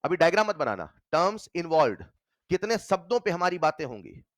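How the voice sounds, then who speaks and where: A male chemistry teacher with a slightly raised pitch lectures with animated energy. He keeps throwing rapid questions at his students. The recording is close and dry, with no room sound. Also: dry recording. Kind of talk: classroom lecture.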